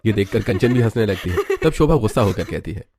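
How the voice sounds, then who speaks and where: A man's voice: lowish voice, lively intonation, fast talker, a little mellow. A man narrating a cartoon story in a plain, scripted storytelling style.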